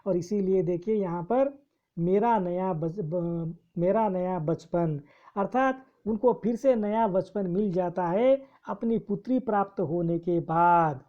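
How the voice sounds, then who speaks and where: A woman teaching a poem, reciting its lines slowly and then explaining each one. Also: on the low side, highs cut off. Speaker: Hindi literature teacher.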